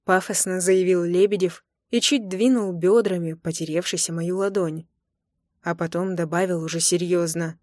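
A woman narrating a first-person romance audiobook with an intimate, expressive reading. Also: on the low side, moderate pace, no room sound, studio quality.

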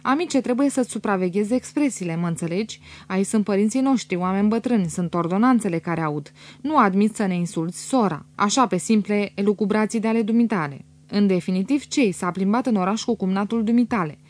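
A woman's voice: medium pitch, darkish tone, close to an everyday voice. Woman voicing an arrogant army captain, haughty lecturing tone, audiobook reading. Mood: haughty rebuke.

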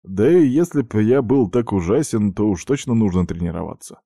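Guy doing a stubborn young brawler, flat blunt talk, dry close sound. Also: on the low side, normal speed, gravelly, dry recording. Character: stubborn young male student fighter.

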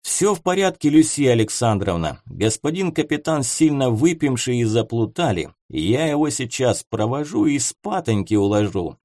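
A man's voice: mid-range voice, sing-song, moderate pace, few pauses, darkish tone, no room sound, close to an everyday voice. A man voicing a cocky young soldier who talks in a sarcastic, slangy, mocking way. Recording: dry close studio sound.

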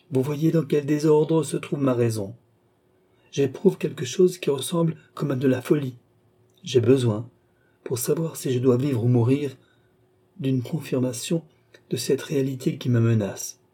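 A man's voice: mid-range voice, a little slow, dark tone, husky. A man voicing an anguished young nobleman pleading. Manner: pleading, impassioned outbursts.

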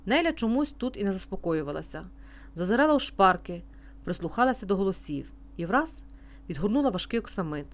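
A woman narrating a novel as an audiobook reader in an even, expressive storytelling manner. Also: mid-range voice, fairly quick. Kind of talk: scripted narration.

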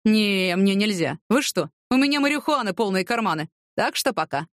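Lady reading as a wry homeless guy, mocking street talk, pitch jumps all over, dry close sound. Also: lively intonation, moderate pace, no room sound, natural voice.

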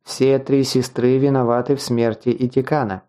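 A cold, officious chief guard from a fantasy audiobook, delivering verdicts in a calm, mechanical tone, as a male narrator voices him. The voice is dark and mellow at a middle pitch. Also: moderate pace, close to an everyday voice.

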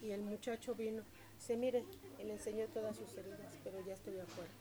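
A woman, telling stories in a lively, chatty and devout way during an interview. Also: mid-range voice, a little fast. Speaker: interviewee, local shop owner. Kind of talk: casual storytelling interview. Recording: street crowd noise behind.

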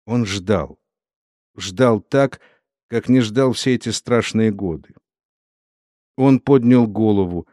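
A man narrating a literary novel in a steady, solemn storytelling manner. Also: fairly low pitch, slow pace, pauses often, no echo, studio quality. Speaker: audiobook narrator.

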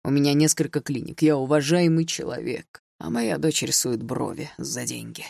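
A woman's voice: extremely low pitch, moderate pace, gravelly, darkish tone, dry recording, clean studio sound, heavily acted. A woman reading an audiobook, voicing a stern, traditional middle-aged father who lectures his daughter. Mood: lecturing.

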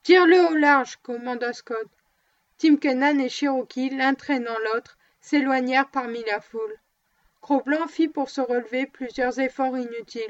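A woman reading a novel aloud in a steady, even narration. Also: high voice, moderate pace, no room sound, lo-fi sound. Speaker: audiobook reader.

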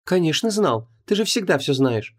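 A seductive goddess of love, as a male audiobook reader puts her on, raised in pitch and a little softer than his telling voice. She coaxes and condescends in honeyed tones, and her tone moves freely. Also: very animated, moderate pace. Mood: persuasive.

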